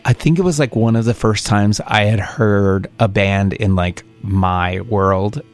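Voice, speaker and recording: A man, a recording engineer and producer, chatting as an interview guest and telling excited, rambling stories. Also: lowish voice, measured pace, soft background music. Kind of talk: casual interview chat.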